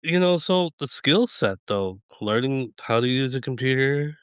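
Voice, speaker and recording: A man's voice: medium pitch, animated, measured pace, a bit bright, smooth, dry recording, clean studio sound. A middle-aged man hosting a podcast, chatting in a laid-back, rambling way and chuckling often. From Eastern Washington. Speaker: podcast host. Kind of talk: casual chat.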